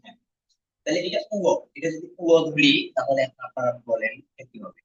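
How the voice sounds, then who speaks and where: A man teaching a basic language class who says sounds slowly and clearly, then has the students repeat them. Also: mid-range voice, fairly bright tone, a little hiss or hum. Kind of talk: classroom lesson. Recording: echoey room, distant muffled mic.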